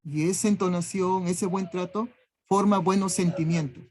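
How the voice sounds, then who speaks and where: A man's voice: high-pitched, fairly even intonation, moderate pace, darkish tone, slight background noise. A man teaching a class, listing ideas one word at a time and checking in with a questioning "¿no?" after nearly every phrase. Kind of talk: classroom lecture.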